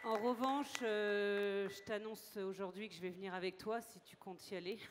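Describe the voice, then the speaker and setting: An event host interviews a chef at a live demonstration, asking questions in a lively, friendly way. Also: medium pitch, normal speed, long reverb tail, background noise.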